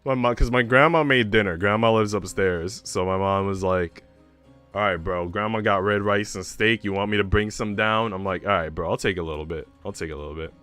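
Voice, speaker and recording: A young American man with a lowish, fairly bright voice talks briskly to his livestream viewers from a room at home, music playing behind him. As host, he keeps up slangy, casual banter and swears freely.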